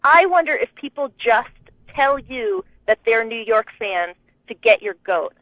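A woman's voice: a little high, unhurried, no echo. Chatty woman calling in on a muffled line. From Connecticut, New England. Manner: chatty, laughing, animated, talks over herself. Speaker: radio caller. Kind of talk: phone-in sports chat.

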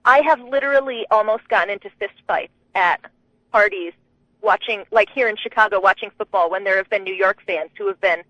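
A woman's voice: medium pitch, fairly quick, no echo. Chatty woman calling in on a muffled line. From Connecticut, New England. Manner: chatty, laughing, animated, talks over herself. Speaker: radio caller. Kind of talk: phone-in sports chat.

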